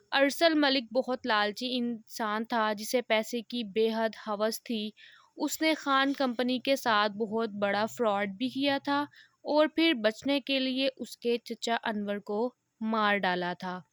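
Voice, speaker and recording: A woman narrating a romance audio novel in a calm, measured storytelling manner, greeting her listeners first. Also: fairly high pitch, no echo, studio quality.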